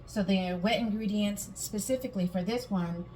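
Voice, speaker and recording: A woman talks through a recipe in a casual, chatty way at a medium pitch. She explains things step by step like a home cooking host, adding small personal asides. Clear background noise and room ambience sit behind her voice. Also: normal speed, a little mellow, rough recording. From Guam.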